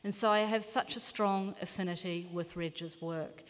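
A woman in her fifties with a New Zealand accent, giving a measured, earnest keynote lecture as a climate scientist in a large lecture hall. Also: on the low side, steady tone. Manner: measured, earnest, occasional self-corrections. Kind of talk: formal conference lecture. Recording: long hall reverb.

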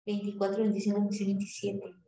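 A woman teacher, slowly counting syllables aloud and correcting exercises in a live class, affectionate with her students. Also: medium pitch, monotone, mellow. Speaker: language teacher. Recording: roomy echo.

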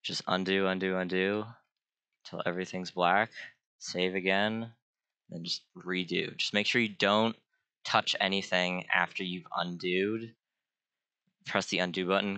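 Low, slow-talking young man with a crisp tone. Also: pushed and bright, dry recording. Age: young adult. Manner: offhand, self-deprecating, thinking aloud. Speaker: art student giving a tutorial. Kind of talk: casual screen-recorded tutorial.

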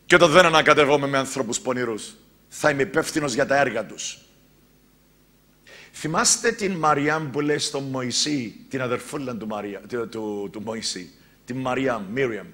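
A male pastor with a Cypriot Greek accent preaching a sermon, swinging between loud exclaimed lines and quiet asides. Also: medium pitch.

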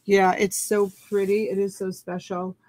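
A rough recording carries a mid-range, slightly mellow woman's voice with little pitch movement and a measured pace. In her forties, she runs a casual home live-stream auction over a computer webcam, amid plush toys and a dress form, folksy and chatty while drawing out bid calls.

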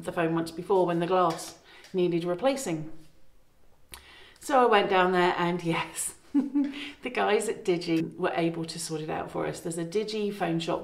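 A middle-aged woman fixing up an old farmhouse vlogs casually into her arm's-length phone camera, wandering off track and correcting herself. Her voice is lowish and creaky, set against a roomy echo.

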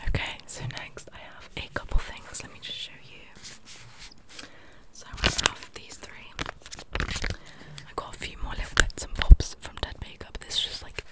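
A woman's voice: unhurried, poor audio. Young woman whispering ASMR. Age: young adult. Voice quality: breathy, unvoiced whisper. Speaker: ASMR creator. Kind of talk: whispered ASMR, casual show-and-tell. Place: small home room, indoors. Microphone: microphone close in front of the mouth.

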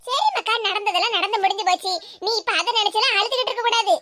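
A woman voicing a proud, warm-hearted middle-aged village aunt in an animated cartoon, speaking a southern Tamil Tirunelveli-Kanyakumari dialect in an affectionate, comforting and dramatic way. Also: very high-pitched, quick pace, background noise.

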